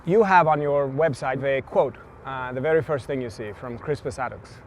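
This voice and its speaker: A man's voice: medium pitch, normal speed, a little hiss or hum. A man hosting a casual interview outdoors, upbeat and full of praise for his guest. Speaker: interview host, mayoral candidate. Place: outdoors in a city near traffic.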